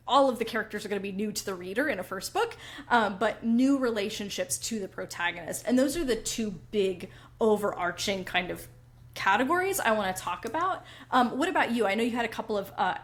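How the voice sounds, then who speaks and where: A woman co-hosting a casual podcast, chatty and upbeat. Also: medium pitch. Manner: upbeat, chatty, laughs easily. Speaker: podcast co-host.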